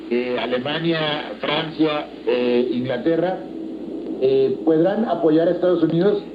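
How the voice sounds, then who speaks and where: A man analysing the news in a radio interview, speaking with many hesitant filler sounds, heard over fading shortwave radio. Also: fairly high pitch. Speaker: political analyst guest. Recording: muffled, roomy, noisy shortwave broadcast.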